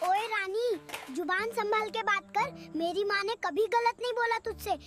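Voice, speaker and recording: Woman playing a high-voiced bossy cartoon husband, scolding. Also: moderate pace, a bit bright, soft background music. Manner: scolding, commanding. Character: bossy young husband who defends his mother.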